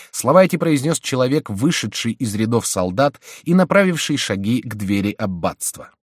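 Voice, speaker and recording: A man narrating an audiobook in a steady storytelling manner. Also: on the low side, no echo, clean studio sound.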